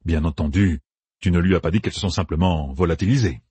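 A man voicing a calm, wry older man in a storybook reading, speaking lower and softer than the narration. The husky voice sits in a dry, close recording. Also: quick pace, no echo.

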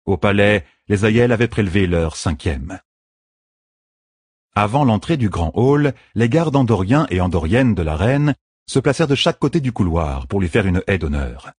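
A man narrating a fantasy audiobook with an expressive, measured reading. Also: fairly low pitch, husky, dry recording, clean studio sound.

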